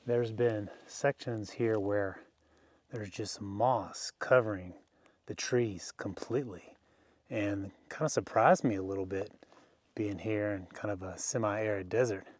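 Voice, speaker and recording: A man's voice: on the low side, unhurried, no echo. Chatty man narrating a hike. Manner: relaxed, chatty, frequent fillers and small laughs. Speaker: hiking vlogger. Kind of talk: casual narration while hiking. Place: outdoors on a desert canyon trail.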